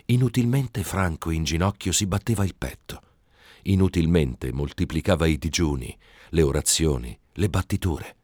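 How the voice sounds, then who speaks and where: A man narrating a literary tale in a slow, measured reading. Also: low voice, darkish tone, no echo, clean studio sound. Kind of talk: scripted narration.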